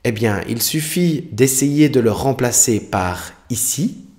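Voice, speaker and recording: Slow, careful male French teacher. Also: mid-range voice, animated, a little mellow. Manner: slow, careful explanation with spelled-out letters. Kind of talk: spelling lesson.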